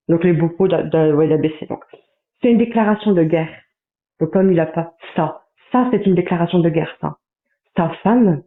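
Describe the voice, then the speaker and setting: Guy on a live stream reading messages out loud, sounds like a phone line, kinda roomy echo. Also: high voice. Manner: narrates messages in a running commentary, breaking off to give quick asides. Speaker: livestreamer. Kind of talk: livestream commentary reading out chat messages.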